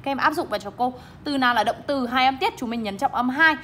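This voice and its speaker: A woman's voice: sits high, quick pace, a bit bright, slight background noise. A young woman teaching English, explaining word stress in a bilingual classroom style and modeling words with emphatic stress.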